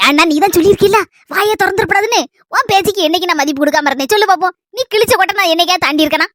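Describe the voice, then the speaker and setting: A woman's voice: very high-pitched, very fast, fairly bright tone. A woman with a Kanyakumari Tamil accent performing a comic village skit. She chatters on, blurting things out with a playful stammer.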